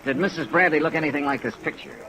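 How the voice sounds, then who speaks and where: Brisk 1950s radio detective played by a man. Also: on the high side, a crowd in the background, close to an everyday voice, low-quality recording. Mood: probing. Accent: American. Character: brisk, wry insurance investigator narrating his case. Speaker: lead actor and narrator of a detective radio serial. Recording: vintage radio recording with rain and music.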